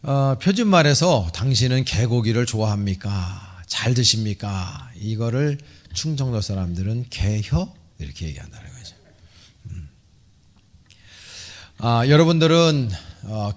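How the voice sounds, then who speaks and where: A middle-aged male pastor, preaching in a church sanctuary at a mid-range pitch. He warms the congregation up with dry humor, then turns slow and solemn as he reads a passage aloud. His delivery is measured and unhurried. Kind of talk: sermon.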